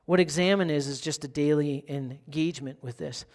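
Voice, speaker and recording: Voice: medium pitch, moderate pace, a little mellow. A pastor giving a sermon in a conversational way, often asking the listeners questions and checking in with "right?".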